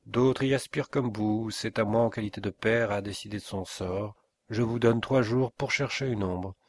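A man's voice: fairly low pitch, normal speed. A man voicing a furious old forest inspector. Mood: threatening. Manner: indignant, threatening. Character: stern angry older male forest inspector, a father. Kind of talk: audiobook character voice.

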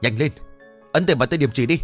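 A man's voice: fast, soft background music, natural voice. A man voicing a greedy, harsh young daughter-in-law who snaps and hisses. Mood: urgent. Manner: shrill, spiteful, snapping.

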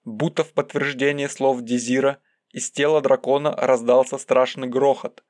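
Man reading a novel, calm and measured, dry close mic. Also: medium pitch, dry recording. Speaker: narrator. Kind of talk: audiobook narration.

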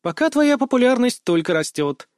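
Cheeky schoolgirl voice, guy doing it, high and chatty, dry close mic. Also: sing-song, dry recording. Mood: playful. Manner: teasing, rapid-fire questions.

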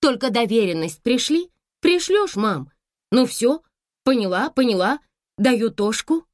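A woman reading an audiobook voices a grown daughter who pleads rapidly and breathlessly over the phone. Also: a little high, sing-song, no room sound, studio quality, voice pushed up. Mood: pleading, excited.

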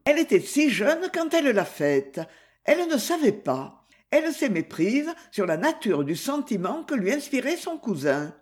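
A reader voicing an anxious, prim older society mother in an audiobook, in a high and fluttery tone. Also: very animated, moderate pace, close to an everyday voice. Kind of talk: audiobook character reading.

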